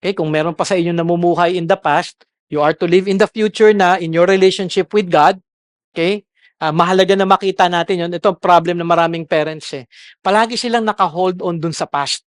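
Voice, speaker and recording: A man's voice: high voice, fairly even intonation, a little fast, dry recording, studio quality. A man preaching a Sunday sermon as pastor, switching between Tagalog and English and checking in with the congregation. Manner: mixes Tagalog and English, keeps asking the congregation "okay?".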